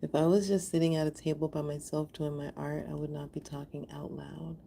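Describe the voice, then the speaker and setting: A woman from Houston, Texas, hosts a live art stream, chatting casually and affectionately with viewers, addressing them directly and sounding appreciative. Her low voice is warm with vocal fry, moves little in pitch, and runs fairly quick, with slight background noise.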